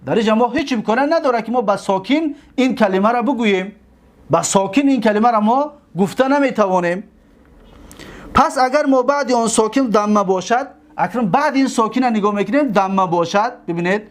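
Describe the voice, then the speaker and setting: Man teaching slowly. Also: high-pitched. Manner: repeats forms slowly, asks and answers his own questions. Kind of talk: grammar lesson.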